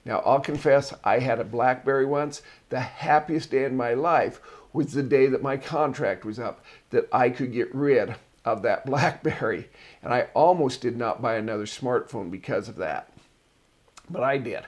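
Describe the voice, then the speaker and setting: Speaking at a moderate pace, this mid-pitched male marketing show host rambles chattily through a casual solo talk. He wanders off on tangents and shares personal anecdotes along the way.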